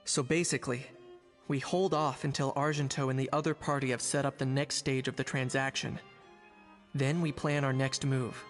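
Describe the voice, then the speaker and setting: An actor voicing a calm, measured male game character. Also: mid-range voice, faint music behind, lightly acted. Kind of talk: video game voice acting.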